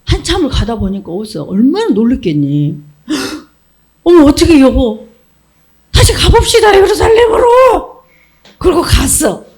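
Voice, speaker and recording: A middle-aged woman giving a children's sermon, telling the story with questions to the kids and acting out the voices. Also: medium pitch. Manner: animated storytelling, acts out characters, asks children questions. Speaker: children's pastor.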